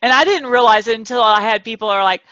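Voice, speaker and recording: A bubbly, enthusiastic woman hosts a talk show, her voice pitched high and quick to laugh. The sound is dry and close, with a slightly dull, lo-fi edge to the recording. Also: bright, forceful tone, dry recording. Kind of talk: upbeat interview chat.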